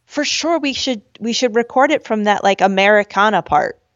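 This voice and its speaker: A high-voiced woman co-hosts a podcast, chatting casually and laughing at a moderate pace, and she slips into squeaky voices when quoting herself. She is at home with a dog, and the recording is dull, slightly lo-fi and dry with no room echo.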